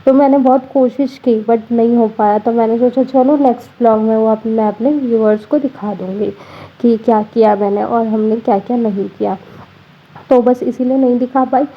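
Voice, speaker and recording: Tired young woman narrating a daily vlog, a bit stuffy, higher voice, dull lo-fi sound. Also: fairly even intonation, moderate pace, husky. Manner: chatty, frequent fillers like 'matlab'. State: tired, slightly congested. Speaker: vlogger. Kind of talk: casual voice-over narration. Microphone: voice-over recorded separately.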